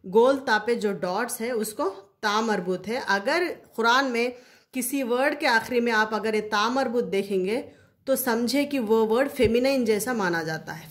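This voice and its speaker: A woman teaching Quranic Arabic grammar in a casual explanatory lesson, often repeating key terms for her listeners. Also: a little high.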